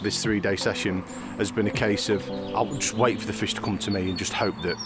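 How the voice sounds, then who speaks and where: A man with a lowish, steady voice narrates his fishing trip at a brisk pace while loud music plays behind him. He's on a fenland drain bank, chatting easily in casual vlog style and repeating himself, with "it really does" coming up again and again.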